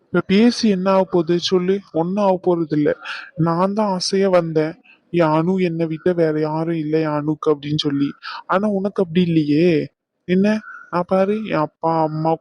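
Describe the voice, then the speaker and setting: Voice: mid-range voice, dark tone, no echo, dull audio, lightly acted. Brief: voice actor as a short-fused young cartoon lover, blunt and heated, dry close sound. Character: young man, hot-tempered lover. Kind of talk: Tamil cartoon dubbing.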